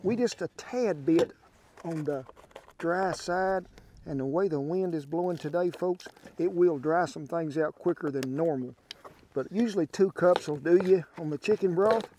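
A man's voice: fairly high pitch, moderate pace, warm tone, a little hiss or hum. A man in his sixties with a Southern US accent, hosting an outdoor camp cooking demonstration in a folksy drawl on a lapel mic. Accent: Southern US (Oklahoma). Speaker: cooking show host. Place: outdoor ranch camp by a pond, windy. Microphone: wireless lapel mic.

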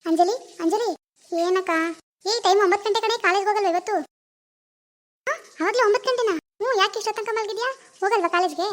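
A woman's voice: very high-pitched, quick pace, long pauses, voice pushed up. A woman voicing a caring, nagging elder sister in a village family drama. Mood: scolding. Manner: nagging, questioning.

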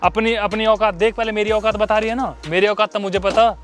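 A man's voice: sits high, fairly even intonation, a little fast, soft background music. A young man staging a street prank, arguing with a woman and then coaxing her into a ride. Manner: argumentative, pleading then coaxing. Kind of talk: staged street prank argument.

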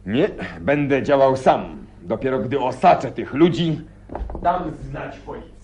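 An actor playing Sherlock Holmes, a shrewd, determined, coolly vengeful detective, in a Polish radio drama, speaking in a deliberate, self-assured and dramatic way. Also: male voice, mid-range voice, lively intonation, muffled recording, lightly acted. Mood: resolute.

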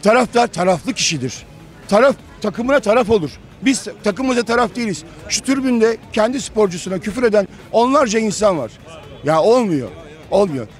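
Hoarse fifty-something man lecturing loudly. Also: high-pitched, animated, normal speed. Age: 50s. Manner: lecturing, insistent, repeats himself. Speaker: football fan. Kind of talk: heated street interview debate. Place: outdoors on a city street.

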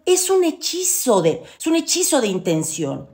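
A woman with a Mexican accent teaching a ritual in a loud, boisterous, chatty way, full of teasing slang and endearments. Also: high-pitched, sing-song, moderate pace. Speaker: witchcraft teacher. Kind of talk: casual spoken tutorial.

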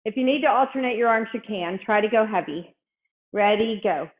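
A woman's voice: medium pitch, fairly quick, narrow, tinny audio. A woman fitness instructor coaching a workout, out of breath, upbeat and encouraging as she counts reps aloud.

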